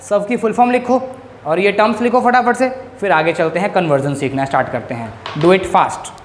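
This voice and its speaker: A male economics teacher giving a classroom-style lecture, drilling his students with quick questions. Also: sits high, slight background noise. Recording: echoey room.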